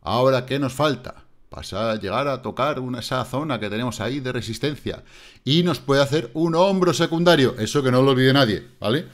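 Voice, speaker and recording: A man's voice: mid-range voice, lively intonation, fairly quick. A man with a Spain Spanish accent giving casual crypto market commentary as host, blunt and mocking, swearing casually. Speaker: crypto trading YouTuber. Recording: distant megaphone-shouted opening.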